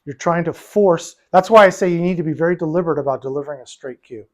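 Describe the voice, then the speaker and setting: Talking fast in a slightly high, somewhat mellow voice, a man coaches a student one-on-one at the pool table. Despite the quick delivery, he's patient, repeating phrases as he explains.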